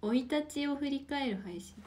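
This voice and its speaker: A woman's voice: high-pitched, expressive, moderate pace, a little mellow. A young woman of about nineteen chatting casually on a livestream, reading out viewer comments and playfully teasing them back. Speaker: idol livestreamer.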